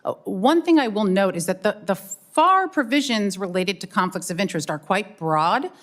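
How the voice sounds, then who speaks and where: A woman giving formal testimony as an expert witness, measured and diplomatic, with a hesitant delivery. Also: medium pitch, lively intonation.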